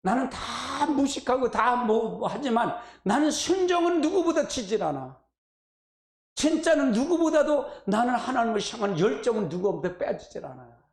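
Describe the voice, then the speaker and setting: A man's voice: very high-pitched, sing-song, moderate pace. A middle-aged man preaching at a church prayer meeting in a folksy call-and-response style with personal asides. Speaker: pastor. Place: church sanctuary. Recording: echoey church hall.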